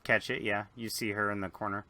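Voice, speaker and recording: A man narrating a tabletop game as game master in an animated, casual way. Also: fairly low pitch, brisk, dry recording.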